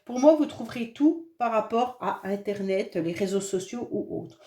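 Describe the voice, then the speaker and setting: A woman with a French accent and a head cold reads the monthly tarot cards in a chatty, reassuring way, hesitating and filling pauses often. Her medium-pitched voice is expressive and dark-toned at a moderate pace, with reverberant sound.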